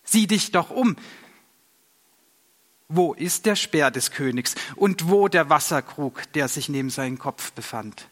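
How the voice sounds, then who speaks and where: A man's voice: on the high side, lively intonation, a little slow, a bit bright. A man voicing a bold, earnest young warrior in a storybook reading, speaking in a raised, reproachful voice. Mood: taunting. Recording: long reverb.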